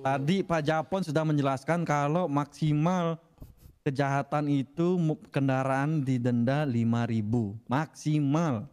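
A man with a fairly high voice gives emphatic, accusatory testimony in a game roleplay interview. The voice rings with a long reverb tail. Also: steady tone, measured pace, a little mellow. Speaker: witness complaining about police.

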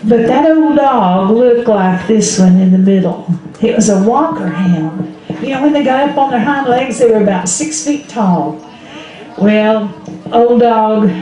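A woman's voice: mid-range voice, warm tone. An older woman with an Appalachian accent tells folksy stories to an audience, often quoting conversations, speaking into a handheld microphone outdoors. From Southern Appalachia, Smoky Mountains. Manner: folksy, quoting relatives and neighbours in dialogue. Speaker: storyteller. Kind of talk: live folksy storytelling to an audience. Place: outdoors under an open tent at a public event. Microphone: handheld microphone through a PA. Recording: echoey outdoor PA with faint noise.

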